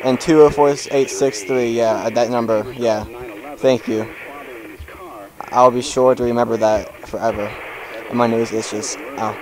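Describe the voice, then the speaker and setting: A man's voice: mid-range voice, fairly even intonation, unhurried, a crowd in the background, rough recording. A young man commenting on a horror game as he plays, jumpy and swearing, with panicked outbursts. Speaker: gamer. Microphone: headphones with desk mic.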